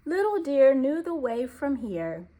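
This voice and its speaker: In a high voice, a woman performs a children's storybook, narrating with expression and careful deliberation.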